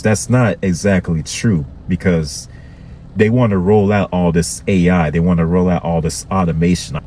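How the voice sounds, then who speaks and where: Deep-voiced man ranting to viewers. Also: mellow, slight background noise. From Florida. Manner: conversational, repetitive, addresses viewers with "okay". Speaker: vlogger. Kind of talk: casual commentary to viewers.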